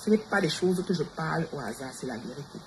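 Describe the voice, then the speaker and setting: Her voice sits low with a darkish tone, animated and fast, as she rants defiantly on a livestream in Montreal. The woman confronts her rivals directly with repeated challenges, and background noise is audible throughout.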